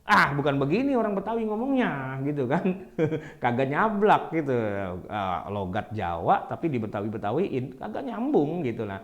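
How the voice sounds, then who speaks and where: Male Islamic teacher, animated pitch, jokey and colloquial, video-call audio. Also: moderate pace, highs cut off. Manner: jokey, laughing often, colloquial. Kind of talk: casual online lecture.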